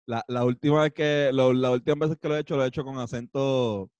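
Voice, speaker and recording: A man's voice: medium pitch, steady tone, brisk, darkish tone, clean tone, no echo. Young Puerto Rican guy, slangy chat. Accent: Puerto Rican Spanish. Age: 20s. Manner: joking, slangy, imitates voices. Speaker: podcast co-host. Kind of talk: casual chat.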